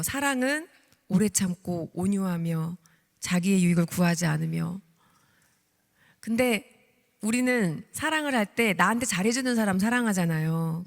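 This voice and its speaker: A woman in her thirties tells a testimony from a church pulpit, acting out her own prayers with animated storytelling. Her voice sits at an ordinary middle pitch. The sound carries a long reverb from the church hall. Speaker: deaconess giving a testimony. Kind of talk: testimony sermon. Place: church sanctuary.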